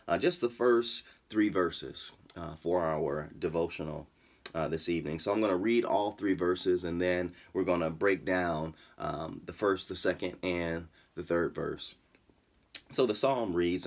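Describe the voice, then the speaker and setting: A man in his thirties, a pastor, leading an online devotional and prayer from a small room at home into a webcam, speaking earnestly and at a measured pace, with frequent fillers. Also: low voice. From Michigan, USA. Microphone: webcam in front of him.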